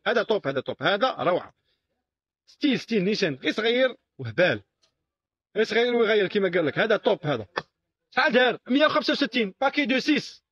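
A man with an Algerian Arabic accent working as a shop salesman, pitching products in a repetitive, insistent patter full of exclamations. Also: fairly bright tone, dry recording. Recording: dull lo-fi recording.

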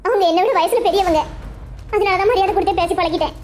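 Woman voicing a teary young cartoon girl, soft and choked up, really high voice, talks fast. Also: slight background noise. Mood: hurt. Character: young woman, torn and tearful over love. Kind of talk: Tamil cartoon dub.

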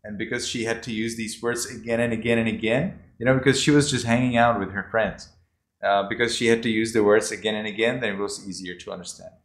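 Teaching kids over a video call, a man speaks quickly in a steady, somewhat low voice, rambling and repeating himself with frequent "you know"s. The casual class talk comes through a laptop mic with echoey call audio.

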